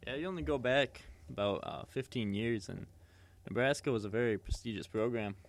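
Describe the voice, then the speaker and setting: A man's voice: mid-range voice, brisk, no echo. A man co-hosting a podcast in casual sports chat, rambling with many fillers and restarts. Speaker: podcast co-host.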